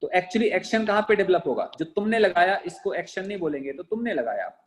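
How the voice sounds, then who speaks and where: Higher-pitched man teaching physics. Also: animated. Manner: asks students questions and answers them himself; slowly dictates English sentences for notes. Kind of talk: classroom lecture.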